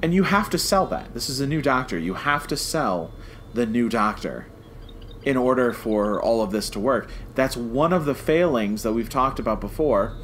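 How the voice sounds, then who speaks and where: A podcast co-host shares his opinions in a casual, conversational review chat. His mid-range voice is fairly bright with lively intonation at a normal speed, and there's slight background noise.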